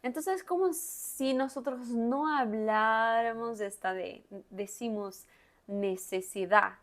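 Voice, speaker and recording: Woman language teacher, unhurried and careful, repeats words and leans hard on each sound for learners to copy. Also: on the high side. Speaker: Spanish teacher. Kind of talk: guided reading lesson with pronunciation drills.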